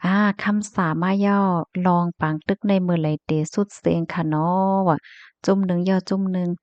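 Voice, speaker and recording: A woman chatting casually as she reads out news and viewer comments, full of fillers and soft laughs. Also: lowish voice, fairly even intonation, normal speed, dry recording. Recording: dull, slightly muffled dry recording.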